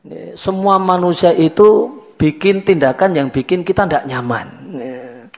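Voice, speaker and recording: A man's voice: high-pitched, unhurried, vocal fry. A man giving a religious study lecture in a chatty, repetitive way. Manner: conversational, repetitive, drops in Javanese words. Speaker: Islamic teacher. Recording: dull lo-fi lecture recording.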